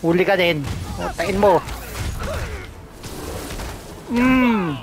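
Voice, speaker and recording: Gamer commentator: man from the Philippines, excitable, laughs and swears, game music underneath. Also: sits high, very slow. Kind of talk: casual gameplay commentary.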